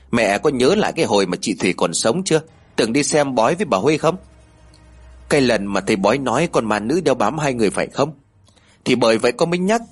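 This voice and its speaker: A man voicing a young man, a nosy and uneasy brother who talks in a quick, gossipy, excited way. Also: mid-range voice, husky.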